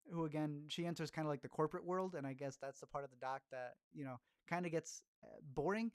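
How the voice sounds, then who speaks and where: A man's voice: medium pitch, clear, resonant tone, no echo, studio quality. A man casually chatting through film reviews as a podcast host, rambling along with fillers and restarts.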